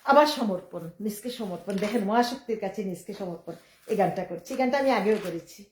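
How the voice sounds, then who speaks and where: A middle-aged woman from Bangladesh, speaking in a rambling live-stream monologue. She talks quickly and emphatically, often defiant, with many restarts. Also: medium pitch, expressive, a little hiss or hum. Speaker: livestreamer. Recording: echoey room.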